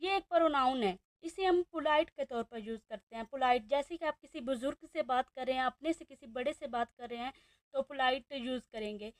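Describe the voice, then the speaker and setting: In a beginner language lesson, a woman with a Pakistani Urdu accent says each new word slowly and repeats it several times. Her voice sits high, and there's no room sound.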